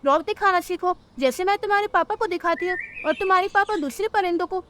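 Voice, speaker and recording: A woman's voice: very high voice, fast, fairly bright tone, slight background noise, voice pushed up. A woman voicing a bossy, scheming mother crow in a cartoon who talks in a scolding, dismissive way.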